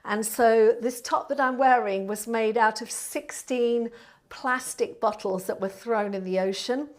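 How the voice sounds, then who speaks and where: Woman, southern English accent, slightly high voice, warm and friendly, chatty Pilates instructor, casual livestream talk. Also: unhurried. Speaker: Pilates instructor and online class host. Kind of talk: casual livestream chat to viewers. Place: indoor studio.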